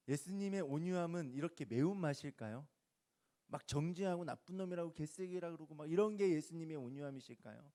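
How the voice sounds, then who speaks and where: A man in his thirties giving a conversational youth sermon as pastor, asking the listeners questions and swinging from loud emphasis to soft hushed asides. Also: fairly high pitch.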